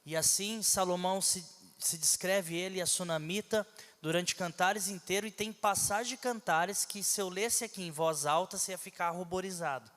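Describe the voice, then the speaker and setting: A man's voice: high voice, moderate pace, a bit bright. Man preaching in a reverberant church. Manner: conversational teaching with asides and rhetorical questions. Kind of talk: sermon. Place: church hall.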